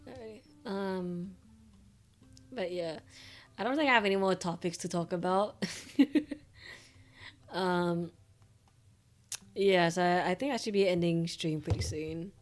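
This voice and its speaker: Unhurried and pausing often, a young woman with an Australian accent talks casually with viewers on a stream in a fairly low voice. Her chat is loose and meandering, thick with fillers and the occasional swear word.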